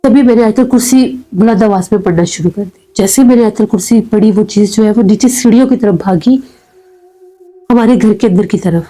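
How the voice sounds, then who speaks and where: A woman telling a frightening first-person story in a calm, measured way, with dramatic pauses. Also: mid-range voice, faint music behind, low-quality recording. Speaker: horror story narrator.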